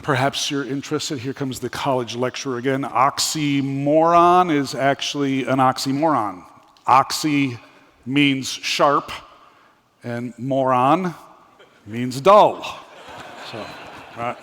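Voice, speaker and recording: Slow-speaking man preaching in a hall. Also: mid-range voice, a bit bright. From Minnesota. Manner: folksy and playful, with wordplay and audience questions. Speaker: conference speaker and theology professor. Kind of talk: conference sermon. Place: large hall. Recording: hall reverb.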